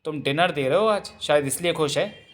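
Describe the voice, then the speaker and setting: A man's voice: a little high, moderate pace, fairly bright tone, natural voice. A male narrator voicing a weary, henpecked husband who answers in a resigned, innocent-sounding way in a storybook reading. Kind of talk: audiobook character voice.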